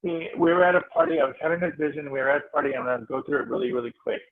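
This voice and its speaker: A man, a spiritual healer, telling a heartfelt story to a meditation group, animated and restarting his phrases. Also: a little high, very fast, a little hiss or hum. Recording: tinny phone-like audio.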